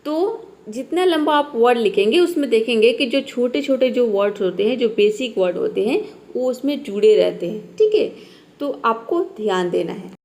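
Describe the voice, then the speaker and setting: Lady teacher explaining spelling rules, slightly high voice, patient, keeps saying theek hai. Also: lively intonation, normal speed, darkish tone. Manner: patient, repeats "ठीक है" and "देखिए" often. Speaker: English teacher. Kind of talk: classroom spelling lesson.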